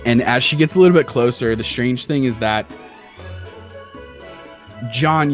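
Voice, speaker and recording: A man narrating a tabletop game as game master, casual and descriptive, feeling his way through the scene haltingly. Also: mid-range voice.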